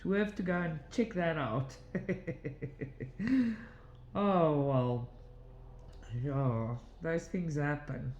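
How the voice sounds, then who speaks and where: A woman's voice: sits low, gravelly, darkish tone, lo-fi sound. A woman hosting a cross-stitch channel from her home, chatting casually while she stitches, rambling through asides and laughing often. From South Africa. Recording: roomy echo, faint background noise.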